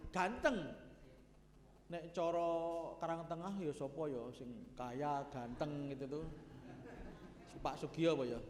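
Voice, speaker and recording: A man with a Javanese accent delivers a Sunday morning sermon, chatting and joking with the congregation in a folksy way. His voice sits high and his pace is unhurried. The mosque hall around him is roomy, with a long reverb trailing after each phrase. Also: slight background noise. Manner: folksy, joking with the congregation, mixing in local speech. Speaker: preacher.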